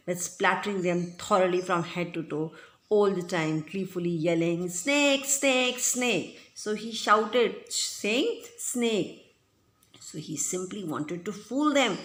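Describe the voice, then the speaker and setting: A woman, teaching a class. She reads a children's story a line at a time, then explains it in simple words and gives the characters' shouts some energy. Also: fairly low pitch. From India. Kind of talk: reading and explaining a textbook story.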